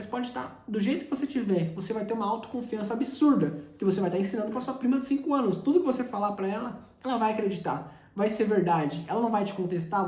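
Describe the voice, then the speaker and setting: A man's voice: high-pitched, darkish tone. A young man who coaches sales gives an instructional talk, addressing the listener directly. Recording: roomy echo.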